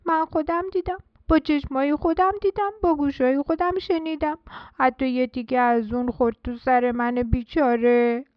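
A woman voicing a frightened little chick in a children's storybook reading, high and anxious. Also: fairly even intonation, no room sound, dull audio, lightly acted. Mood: frightened, insistent.

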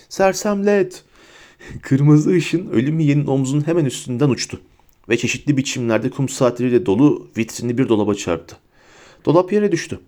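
A man narrating a fantasy audiobook in a lively storytelling manner. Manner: lively storytelling, pitches up for characters' shouts.

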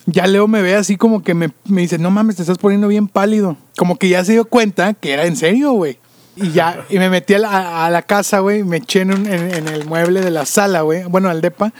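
A young man with a Mexican Spanish accent spins an animated anecdote in casual chat, loose and profane. His voice sits high for a man. The sound is close and dry, with no room in it. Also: no echo. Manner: animated storyteller, crude slang, acts out his own cries. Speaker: podcast co-host telling a story.

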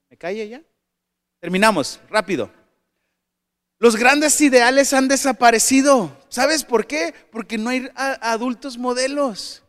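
A man giving a motivational talk to parents, animated and asking the audience questions, with asides and jokes. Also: high voice. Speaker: speaker addressing parents.

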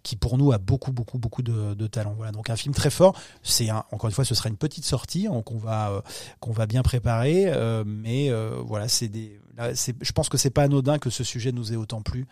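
Guy in a podcast interview, lots of ums and restarts, mid pitch, dry sound. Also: brisk, a little mellow, dry recording. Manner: hesitant, many fillers and restarts. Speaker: film distribution executive.

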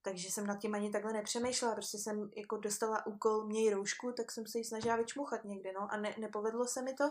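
A woman's voice: medium pitch, steady tone, hardly any pauses. A young woman telling a travel story in casual chat, with frequent laughs and lots of fillers. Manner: chatty, laughs often, many fillers. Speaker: guest.

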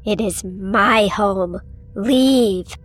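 A woman voicing a malevolent stick-figure entity that speaks in a slow, icy, hissing whisper. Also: mid-range voice, soft background music. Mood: icy command.

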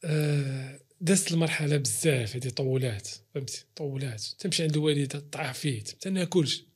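A man's voice: fairly high pitch, fast, slightly rough. A man with a Moroccan Arabic accent telling personal stories casually as an interview guest, acting out the dialogue he quotes. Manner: acts out quoted dialogue, swears oaths for emphasis. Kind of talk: casual, animated personal storytelling.

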